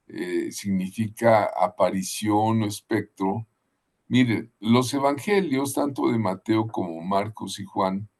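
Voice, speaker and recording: A man giving a Bible class, unhurried and often adding tag questions. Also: on the low side, a little mellow. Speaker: Bible teacher.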